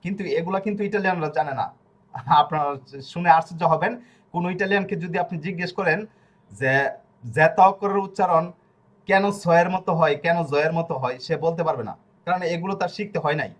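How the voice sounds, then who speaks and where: A man's voice: sits high, quick pace. A man teaching a language lesson, patiently repeating rules and sounding out words syllable by syllable. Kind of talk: explaining Italian pronunciation in Bengali.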